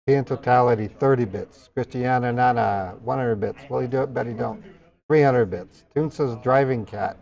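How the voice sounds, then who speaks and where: A male livestream host works through subathon hype, calling out donor names and amounts. His delivery is casual, with appreciative exclamations between the lists. His pitch is average, and the audio is slightly dull and lo-fi. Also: darkish tone. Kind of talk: subathon hype, rapidly reading out donations and thanking viewers.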